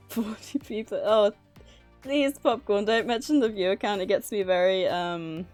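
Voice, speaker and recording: At a measured pace, with a medium-pitched and slightly mellow voice, the woman hosts a stream from her indoor computer setup as faint music plays. She's an author who chats casually with viewers, giggling, nervous and flustered, thanking them profusely.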